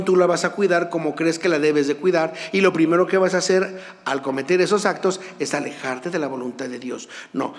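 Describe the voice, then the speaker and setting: A man preaching a sermon in a church, swinging from loud urgent peaks to soft, low asides. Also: big-room sound. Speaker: pastor. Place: church sanctuary.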